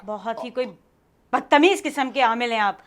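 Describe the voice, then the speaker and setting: A woman's voice: fairly high pitch, moderate pace, crowd noise. A woman hosting a comedy talk show, introducing the guest politely and then teasing and questioning him. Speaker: host.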